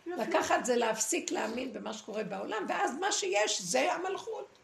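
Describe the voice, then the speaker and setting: A woman giving a dramatic, preachy spiritual talk to a group, with pointed pauses. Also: high-pitched, lively intonation, vocal fry. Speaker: spiritual teacher. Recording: echoey room, faint noise.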